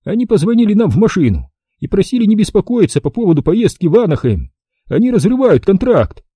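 A man's voice: high-pitched, very animated, brisk, dark tone, husky, no room sound, studio quality, voice pushed up, heavily acted. A man voicing an upbeat father who reassures his son, in an audiobook reading. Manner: cheerful and reassuring.

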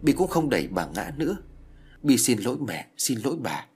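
A man's voice: mid-range voice, big pitch swings, normal speed, darkish tone, slightly rough. A man voicing a small, clingy, vengeful ghost girl who pleads and sobs, in a storybook reading. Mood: pleading. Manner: sobbing, pleading childlike talk.

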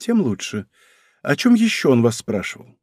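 A man voicing a cunning bishop who speaks in a soft, low, urgent whisper. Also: big pitch swings, moderate pace, breathy edge, no room sound, clean studio sound. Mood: urgent hushed. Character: hushed cunning male bishop, commanding.

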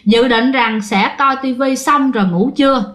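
A woman's voice: sits high, moderate pace. A woman with a Southern Vietnamese accent narrating ghost stories in a chatty way, talking straight to her listeners. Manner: chatty, addresses listeners directly. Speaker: storyteller.

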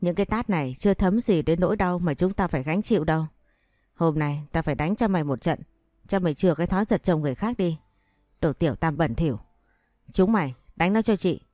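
A woman's voice: on the low side, fairly quick, warm tone, no room sound, clean studio sound, lightly acted. Woman voicing a furious betrayed wife. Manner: scolding, cursing, threatening. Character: furious betrayed wife, sharp-tongued and vengeful.

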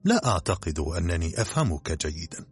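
Curt rational doctor read by a man, deep voice, husky, music faint in the back. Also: very animated, fairly quick, full character voice. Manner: curt, matter-of-fact.

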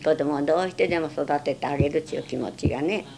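Low-voiced elderly woman with western Japanese dialect. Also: quick pace, vocal fry, mellow, slight background noise. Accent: western Japanese, Chugoku dialect. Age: 70s or older. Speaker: oral history interviewee. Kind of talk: reminiscing in conversational interview.

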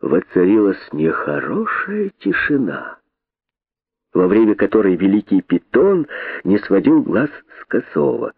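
A male audiobook narrator reads at a slow, deliberate pace. His husky voice rises and falls freely as he tells the story. The sound is dry and tinny, like a phone line. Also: lowish voice, very animated, dry recording. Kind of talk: scripted narration.

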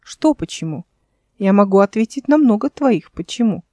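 A woman's voice: medium pitch, expressive, moderate pace, mellow, dry recording, clean studio sound, lightly acted. A woman voicing a scornful, scheming immortal young woman in a fantasy audiobook, in a mocking tone.

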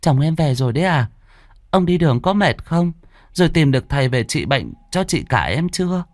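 A man putting on a shrill scheming second wife. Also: big pitch swings, brisk, no room sound, clean studio sound. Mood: falsely sweet. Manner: sugary then screeching curses.

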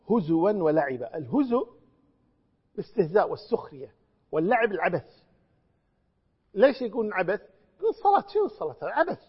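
A man's voice: sits high, slightly rough. A man with a Gulf Arabic accent teaching Quran commentary, explaining and reciting phrases with growing emphasis. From Kuwait. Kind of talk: religious lesson, Quran commentary. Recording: long reverb, dull lo-fi sound.

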